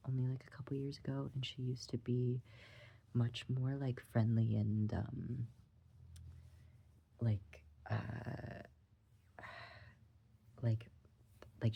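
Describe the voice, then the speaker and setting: A young adult performer voicing a gossipy tenant in an ASMR role-play, confiding in a soft, breathy, hesitant gossip soft voice. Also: medium pitch, lo-fi sound, heavily acted.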